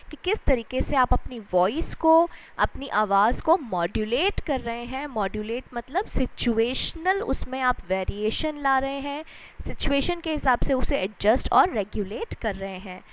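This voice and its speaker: A woman with an Indian accent, an English lecturer giving a recorded lesson, explaining slowly and mixing Hindi with English. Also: high voice, a little hiss or hum, poor audio.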